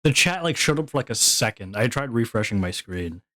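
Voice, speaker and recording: A man's voice: mid-range voice, very animated, brisk, pushed and bright, no room sound. A man streaming live who talks to his chat in a sarcastic, grumbling, exasperated way. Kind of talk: casual livestream chat.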